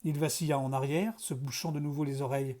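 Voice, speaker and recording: A man narrating a children's novel aloud in steady first-person storytelling. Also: medium pitch, fast.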